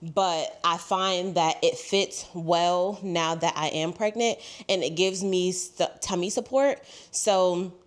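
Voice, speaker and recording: A woman's voice: lowish voice, steady tone, takes it slowly. Congested young woman rambling through a clothing try-on, out of breath. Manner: chatty, says "y'all" often. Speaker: fashion haul vlogger. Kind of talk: casual try-on haul chat.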